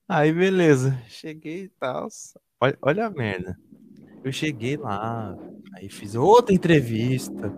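A man's voice: mid-range voice, background noise. A young man from Brazil telling a story in a casual chat, slangy and swearing, acting out what other people said. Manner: animated storytelling, slangy and profane, acts out others' lines.

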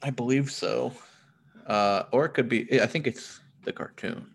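A man's voice: medium pitch, measured pace, vocal fry, husky. A man hosting a casual podcast, with dry, mock-earnest jokes. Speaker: podcast host.

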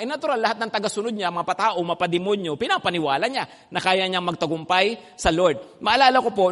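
A middle-aged man preaching a sermon as a pastor, telling stories with lively asides and frequent checks with the listeners. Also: sits high. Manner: animated storytelling, frequent "no?" and "di ba?" asides. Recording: long hall reverb.

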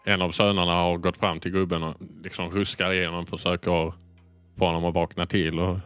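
Low-voiced man running a tabletop game. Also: clean tone, soft background music. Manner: relaxed, hesitant narration with fillers. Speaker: game master.

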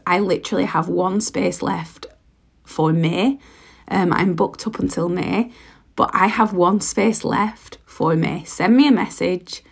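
A woman podcast host and coach with a hoarse, croaky voice, giving an emphatic motivational talk straight to the listener, repeating phrases for weight. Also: medium pitch. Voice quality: husky, croaky. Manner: emphatic, repetitive, direct address to listener. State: hoarse, sore voice.

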